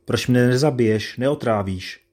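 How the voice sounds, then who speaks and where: A man voicing a proud, wrathful old nobleman father in a read-aloud tale, his voice raised and loud. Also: fairly low pitch, fairly even intonation, lightly acted. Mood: furious. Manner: raised, loud, outraged outbursts.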